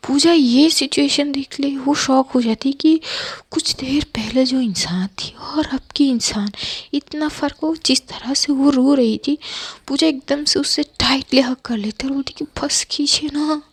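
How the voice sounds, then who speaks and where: A woman narrating a romance story in a soft, intimate half-whisper. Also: high voice, unhurried, no room sound.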